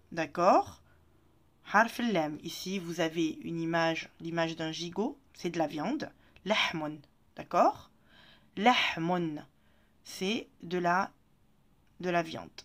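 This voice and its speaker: The woman's voice sits fairly low as she runs an Arabic reading lesson for French speakers. She encourages them patiently and stretches out syllables for them to repeat.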